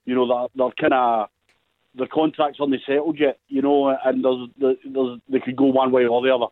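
A man's voice: medium pitch, little pitch movement, normal speed, no room sound. A man phones into a football radio show and makes his case earnestly, pressing harder as he goes. His voice comes through a narrow, tinny phone line. The sound is dry.

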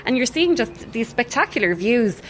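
A woman's voice: on the high side, very animated, moderate pace, slight background noise. A woman with a Waterford Irish accent, chatting casually and enthusiastically as an interview guest. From Waterford, Ireland. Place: hotel, on location. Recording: faint background ambience.

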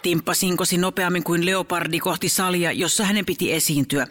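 A woman narrating a children's audio story in a lively, brisk way. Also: fairly low pitch, a little hiss or hum.

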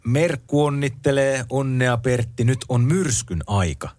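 A man's voice: medium pitch, expressive, a little mellow, no echo. A man co-hosting a late-night radio show, reading out listener greetings and song requests in an easygoing way. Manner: easygoing, reads listener messages aloud. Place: radio studio. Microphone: close studio microphone.

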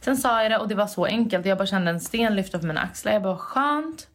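A young woman chatting casually, telling an anecdote full of quoted dialogue. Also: mid-range voice. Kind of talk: casual chat.

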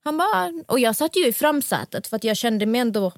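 Woman, twenties, fairly high voice, dry close sound, animated storyteller. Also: no room sound. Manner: animated storyteller acting out quotes. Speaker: podcast co-host. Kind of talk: casual chat.

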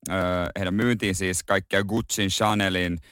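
A man co-hosting a radio morning show, chatting casually and throwing in quick jokes. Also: sits low, fairly even intonation, fairly bright tone, dry recording, clean studio sound. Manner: quick joking interjections. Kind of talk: casual chat.

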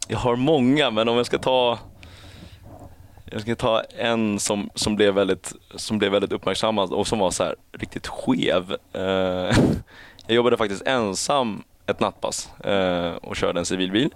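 A man in his thirties, a police officer, telling a story in casual conversation, laughing often and acting out his own panicked shouts. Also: on the low side, steady tone.

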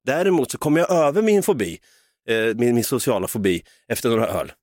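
Lively, laughing podcast man. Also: medium pitch, dry recording, studio quality. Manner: laughing, swearing, lively storytelling. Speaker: podcast co-host. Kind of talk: casual chat.

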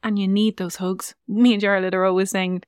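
A woman's voice: medium pitch, little pitch movement, a little fast, darkish tone, clear, resonant tone, no room sound, clean studio sound. A woman co-hosting a casual parenting podcast, earnestly giving step-by-step advice and acting out what to say to a child.

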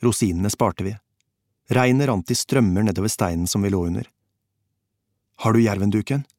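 Male audiobook narrator, measured and calm, low voice, dry studio sound. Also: no echo. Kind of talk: scripted first-person narration.

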